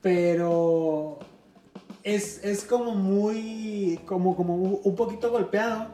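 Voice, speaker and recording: A Mexican man with a high, mellow voice chats casually on a comedy podcast. He explains by restarting his sentences and acting out small examples. The room around him has a noticeable echo. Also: slow pace, faint music behind. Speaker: podcast guest.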